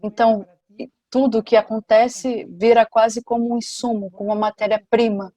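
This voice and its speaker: A woman giving a simultaneous interpretation at a panel, with a steady, measured delivery. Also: a little high, dry recording.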